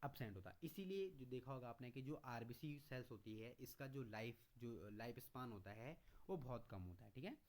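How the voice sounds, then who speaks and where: A male teacher giving a classroom lecture in a question-and-answer style, calling students "beta" and reading English notes out slowly between his explanations. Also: mid-range voice, expressive, darkish tone. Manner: asks questions and answers them himself, calls students beta; mixes Hindi explanation with read-out English notes, slower on English.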